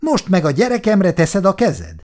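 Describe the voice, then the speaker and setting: Guy reading as a drunk mean colonist thug, sneery and loud, hisses his lines. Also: high-pitched, huge pitch swings, breathy edge, pitched above the performer's own voice, full character voice. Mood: menacing. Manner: hissing, shouting, mocking. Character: hostile drunk male colonist bully, sneering.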